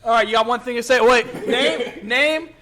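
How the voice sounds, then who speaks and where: A young man, a hoarse college esports shoutcaster, interviewing players in a lively, teasing way. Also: very high-pitched, normal speed. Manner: excitable, laughing, teasing. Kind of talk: casual post-match interviews. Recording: crowd chatter behind. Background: crowd noise.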